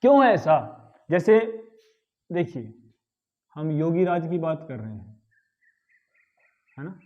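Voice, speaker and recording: A man teaching a grammar lesson, repeating words slowly to correct their pronunciation and often checking in with his listeners. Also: fairly high pitch, sing-song, highs cut off. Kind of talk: spoken lesson.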